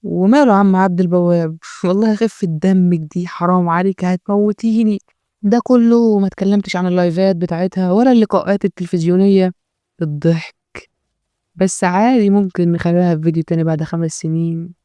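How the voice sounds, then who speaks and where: Fast, high-pitched Egyptian man talking off the cuff. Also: steady tone, mellow, clear, resonant tone, no echo. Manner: mocking, sarcastic, rambling. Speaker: host of a commentary video. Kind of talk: natural unscripted talk, joking commentary.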